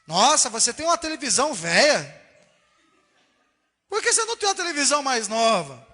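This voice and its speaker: A preacher putting on a condescending nosy house guest. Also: male voice, extremely high pitch, wildly swooping pitch, a little fast, sharp tone, heavily acted. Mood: scornful. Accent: Brazilian Portuguese. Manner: condescending, fault-finding. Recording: echoey church hall recording.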